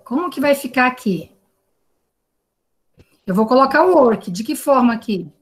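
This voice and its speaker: Woman, Brazilian Portuguese accent, teacher, remote class, patient and explanatory, slightly high-pitched. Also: expressive, moderate pace, breathy edge. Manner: patient, explanatory, frequent tag questions. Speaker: English teacher. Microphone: video call.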